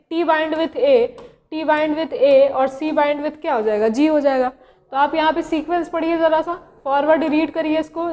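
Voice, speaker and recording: High-voiced woman teaching biology. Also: a little mellow, in a large hall. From India. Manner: repeats key terms and asks rhetorical questions. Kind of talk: classroom lecture explaining slides.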